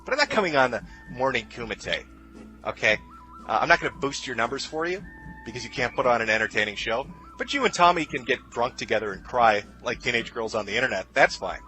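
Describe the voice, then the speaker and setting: A man's voice: medium pitch, animated, quick pace, sharp tone, soft background music, low-quality recording. Dismissive man ranting to camera. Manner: dismissive, mocking. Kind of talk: ranting video commentary.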